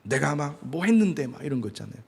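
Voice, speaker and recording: A male pastor preaching in a conversational way, now and then acting out loud, angry prayers. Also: a little high, sing-song, quick pace, vocal fry, husky, in a large hall. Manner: conversational, acts out angry prayers with sudden shouts. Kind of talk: sermon.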